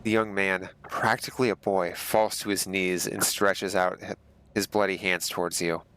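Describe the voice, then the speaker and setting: A man's voice: low voice, little pitch movement, moderate pace, a bit bright, clean tone, rough recording. A man reading game narration aloud with casual commentary as a streamer.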